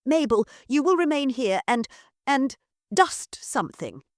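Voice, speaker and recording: Haughty lady of the house, woman voicing, snappish, prim, high and lively, storybook reading. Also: unhurried, no echo, studio quality.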